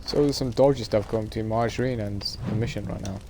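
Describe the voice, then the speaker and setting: Casual gamer over game audio. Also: male voice, lowish voice, fairly even intonation, fast talker, dark tone, a little hiss or hum. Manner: casual, offhand. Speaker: gamer playing a video game. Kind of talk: casual gameplay commentary.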